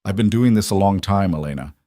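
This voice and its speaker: A man's voice: low-pitched, lively intonation, fairly quick, mellow, no room sound, clean studio sound. A man playing a stern, ruthless cattle baron who talks in clipped, curt sentences.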